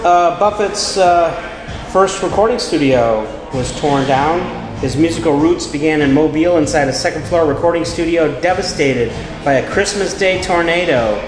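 A man with a slightly high voice co-hosts a casual podcast. The room rings like an echoey hallway, and music plays loudly behind him. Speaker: podcast co-host. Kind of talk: casual podcast chat and news read-outs.

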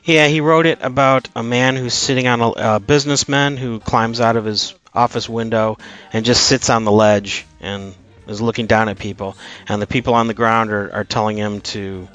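A man's voice: mid-range voice, fairly even intonation, moderate pace, fairly bright tone, faint music behind. A man co-hosting a casual album review chat, hesitant and full of fillers as he checks his notes. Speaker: podcast co-host reviewing an album.

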